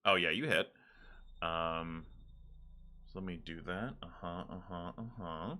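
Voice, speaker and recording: A man running a tabletop game as game master, narrating scenes in a relaxed, storytelling way. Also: deep voice, unhurried.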